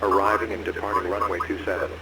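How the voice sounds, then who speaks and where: A man's voice on a recorded airport weather broadcast, heard over aircraft radio, reading numbers and runway notices in an even, deliberate way. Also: low-pitched. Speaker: automated airport information broadcast. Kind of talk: measured, formulaic weather readout. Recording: echoey, very noisy radio channel.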